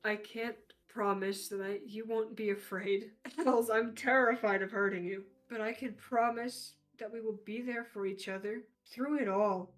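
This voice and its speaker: A gentle young man gives earnest, soothing promises, as a woman plays him. He sounds devoted and close to tears. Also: fairly high pitch, steady tone, normal speed, few pauses, soft background music, natural voice. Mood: tender.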